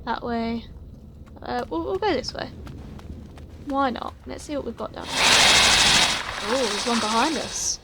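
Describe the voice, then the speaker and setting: A woman's voice: fairly high pitch, expressive, moderate pace, gravelly, pauses often, heavy background noise. A woman hosting a casual let's play, chatty and a little hesitant as she thinks aloud and reads choices. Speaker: gaming video host.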